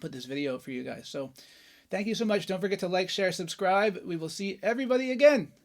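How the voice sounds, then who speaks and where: This fast-talking Canadian host has a high, expressive voice as he reviews guitar gear. The talk is casual and eager, sprinkled with fillers and exclamations, over acoustic guitar playing.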